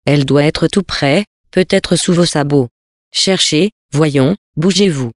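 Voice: mid-range voice, a little slow, no echo, clean studio sound, close to an everyday voice. A reader voicing a stern, stingy city lady who scolds sharply, in a storybook reading. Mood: impatient.

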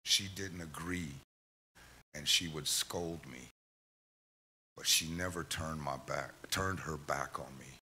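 A middle-aged man giving an emotional eulogy for his mother at a church memorial, halting and telling stories. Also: extremely low pitch, pushed and bright, a little hiss or hum. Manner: halting, tearful storytelling, quoting his mother. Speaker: eulogy speaker, son of the deceased.

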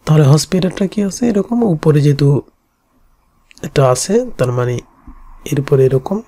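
Slow, repeating Bengali teacher voice. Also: medium pitch, lively intonation, warm tone. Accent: Bangladeshi Bengali. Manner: repeats each reading slowly, explains stroke by stroke. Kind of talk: kanji lesson in Bengali.

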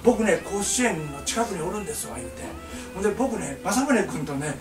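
Lively older man spinning a Kansai tale. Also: high-pitched, a little fast, reverberant, far from the mic, over music. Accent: Kansai Japanese. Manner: animated, acts out voices, laughs through lines. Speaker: painter telling stories to a small audience. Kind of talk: comic storytelling monologue.

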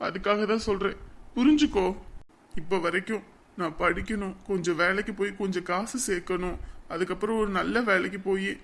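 A man's voice: high-pitched, steady tone, brisk, fairly bright tone. An actor playing a young man who patiently explains why he turns down a marriage, speaking earnestly in a web drama. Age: young adult. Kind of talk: Tamil web drama acting.

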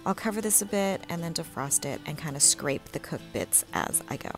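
Low-voiced woman narrating her home cooking. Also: moderate pace, over loud music. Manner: relaxed, chatty, with frequent ums and small laughs. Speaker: home cook vlogger. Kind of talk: casual cook-along voice-over.

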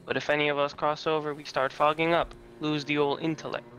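A man voicing a wise old male crow, a talking familiar, in a measured storytelling tone. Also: fairly high pitch, little pitch movement, fairly bright tone, soft background music, lightly acted. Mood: knowing, wry.

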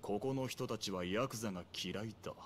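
An actor playing a sardonic young real estate enforcer in a video game, with rough, insolent yakuza-style street speech. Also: male voice, lowish voice, fairly quick, slight background noise, natural voice. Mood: cocky, dismissive. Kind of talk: video game drama acting.

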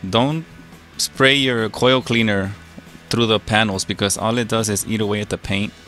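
A man working as an HVAC technician, explaining his maintenance steps in a relaxed way with plenty of fillers, a little out of breath from his mask. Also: fairly low pitch, moderate pace, soft background music. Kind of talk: casual how-to narration while working. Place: house basement and yard, on a service call.

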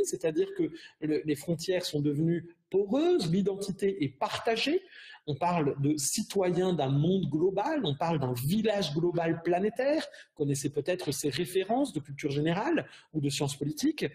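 A middle-aged man presenting a university prep course over slides, explaining in a measured way with frequent hesitations and restarts. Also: high-pitched, dark tone.

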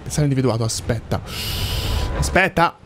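A man's voice: mid-range voice, normal speed, noisy background. A man giving casual, colloquial gameplay commentary, talking to himself and swearing freely. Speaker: gaming let's-player. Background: game music.

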